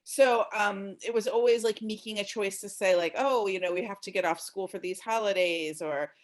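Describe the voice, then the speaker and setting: A woman from Texas speaking as a panelist, halting and filling her pauses. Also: mid-range voice. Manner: hesitant, many pauses and fillers. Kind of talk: casual panel discussion.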